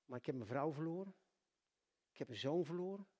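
A man's voice: fairly high pitch, expressive, fairly quick, warm tone. A man voicing a lonely, hot-tempered old widower who has lost his wife and son. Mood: grieving.

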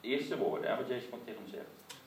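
A man preaching a sermon to listeners at home, telling the story lively with many rhetorical asides and closing in prayer. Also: mid-range voice, fast talker. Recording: roomy echo, distant mic, faint noise.

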